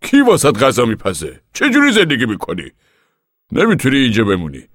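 A man's voice: mid-range voice, huge pitch swings, fairly bright tone, dry recording, studio quality, voice pushed up. A man voicing an urgent, insistent father of a farming family about to move away.

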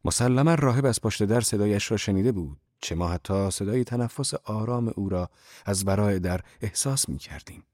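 A man narrating a novel as an audiobook in a measured, even reading. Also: deep voice, no room sound, studio quality.

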